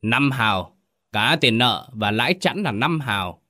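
A man voicing a cruel, greedy old village chief who sneers and shouts threats. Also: medium pitch, lively intonation, measured pace. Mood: scornful.

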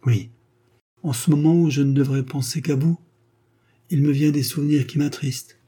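A man reading aloud voices a devoted young woman, gentle and earnest, lifting his voice for her. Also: on the high side, steady tone, normal speed, slightly rough, voice pushed up. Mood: tender.

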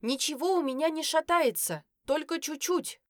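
A woman voicing a whiny, stubborn young boy who wails and shouts his protests. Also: high-pitched, normal speed, dry recording, pitched above the performer's own voice, close to an everyday voice. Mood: wailing. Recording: dry close recording.

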